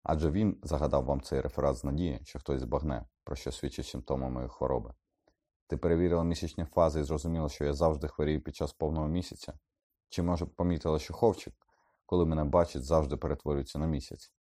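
A man plays a weary, gentle teacher in a storybook reading, steady and measured. The voice is very deep, dark and husky. He keeps his composure even when pressed. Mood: calm. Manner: calm, measured, pleading. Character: calm weary grown male teacher, a werewolf. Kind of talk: audiobook character voice.

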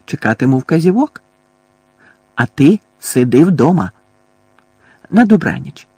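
A man reading an audiobook voices a shrill, furious old woman, a bossy neighbour who shrieks and scolds. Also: big pitch swings, unhurried, a little mellow, slightly rough, no room sound, heavily acted. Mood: brisk fussing.

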